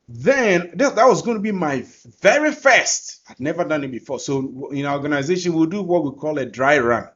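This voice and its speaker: Higher-pitched Ghanaian man telling a story. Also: muffled recording. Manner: emphatic, repeats phrases for effect. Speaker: course presenter. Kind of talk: personal storytelling in a lesson.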